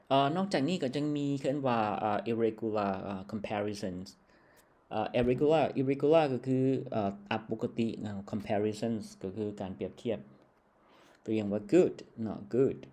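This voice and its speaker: A man's voice: lowish voice, warm tone. A man from Laos teaching English grammar in a patient lesson style, checking in with a short tag word after nearly every phrase.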